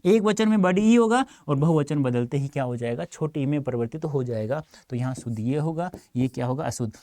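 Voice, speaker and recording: A man's voice: mid-range voice, expressive, brisk, mellow, no echo, clean studio sound. A male teacher giving an online exam-prep lesson, explaining step by step and calling his students dear children. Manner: explains step by step, asks and answers his own questions.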